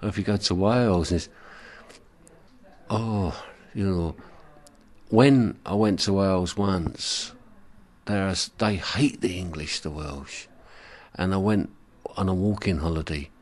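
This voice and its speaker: A man's voice: deep voice, unhurried, darkish tone. A man chatting casually, telling mocking anecdotes and acting out other people's voices. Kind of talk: casual chat.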